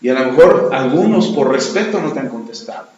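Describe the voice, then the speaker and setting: A pastor preaching a sermon, retelling a story and acting out both sides of the dialogue. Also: male voice, medium pitch, lively intonation, a little fast, darkish tone. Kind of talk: sermon with retold anecdote. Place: church. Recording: echoey church hall, dull lo-fi sound.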